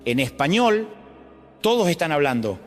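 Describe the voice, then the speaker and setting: A man with an Argentine accent, a pastor delivering an animated sermon to his congregation. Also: moderate pace. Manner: animated preaching with sweeping pitch jumps. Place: large church auditorium. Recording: long hall reverb with faint music. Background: faint music.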